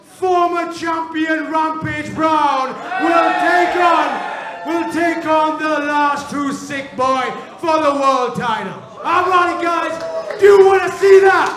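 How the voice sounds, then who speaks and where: Guy on the mic at wrestling, really high voice, stretching words out, big echo. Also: slow pace, a crowd in the background. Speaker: wrestling show speaker in the ring. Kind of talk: live microphone promo. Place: large indoor venue. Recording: echoey arena PA sound.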